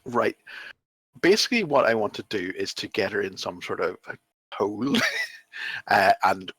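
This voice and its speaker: A man's voice: on the low side, very animated, moderate pace, bright, forceful tone, slightly rough, no echo, low-quality recording. A man playing a tabletop game, laid-back and chuckling as he plans his moves. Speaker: player.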